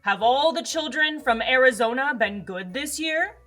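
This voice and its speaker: Woman as hearty, booming Santa, lively pitch. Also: moderate pace, soft background music. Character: booming, jolly old man Santa Claus.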